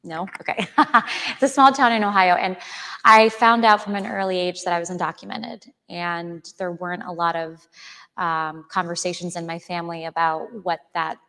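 A Chile-born woman in her thirties speaks earnestly as an author guest in an onstage interview before an auditorium audience. Her fairly low voice is steady and sharp at a normal speed, and the hall carries a long reverb.

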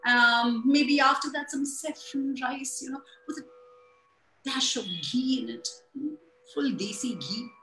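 A woman's voice: high voice, unhurried, pushed and bright, reverberant, soft background music, full character voice, poor audio. A woman voicing a male rich host god who fusses eagerly over his guest.

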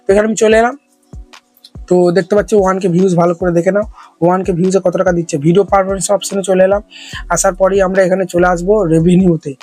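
A man's voice: high-pitched, level tone, fast, a little mellow, faint music behind. A man narrating a screen-recorded tech tutorial, chatty and checking in with the viewer. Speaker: tech YouTuber.

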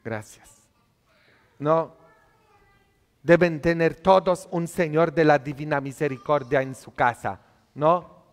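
A man's voice: fairly high pitch, fairly even intonation, slow, long pauses, in a large hall. A male priest giving a sermon, teasing and scolding the congregation with many questions. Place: church.

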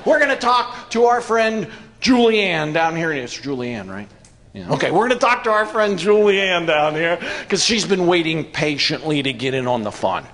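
High-pitched, animated male stage comedian. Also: moderate pace. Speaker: comedy ventriloquist. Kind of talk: live stage comedy banter with volunteers. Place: comedy club stage before an audience. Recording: noisy live club recording.

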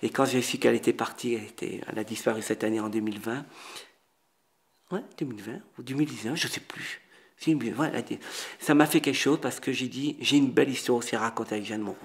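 A middle-aged man, a chef, telling an anecdote in an interview with lively acted-out dialogue and many restarts. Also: medium pitch, fast. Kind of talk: storytelling in an interview.

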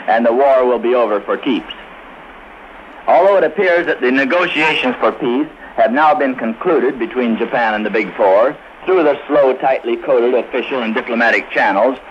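A man's voice: mid-range voice, a little hiss or hum. Man reporting war news on 1940s radio. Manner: measured, formal reporting. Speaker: war correspondent. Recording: muffled 1940s shortwave radio.

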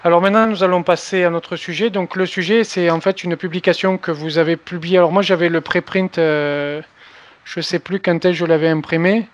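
A man's voice: high voice, steady tone, a little fast. A male interview host who reads prepared questions from his notes and makes the occasional self-deprecating joke.

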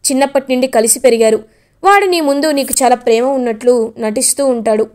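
A woman's voice: high voice, fast talker, darkish tone, lightly acted. A woman voicing a grieving father who earnestly pleads with his son. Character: grieving father accusing a family villain.

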